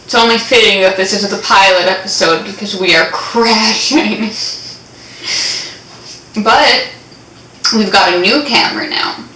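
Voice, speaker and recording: Theatrical young woman reading a story for laughs; bright voice, echoey room, mic at a distance. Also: medium pitch, measured pace, long pauses, slight background noise. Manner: playful, theatrical, giggly. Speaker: co-host reading fan fiction. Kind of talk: casual reading aloud with comic asides.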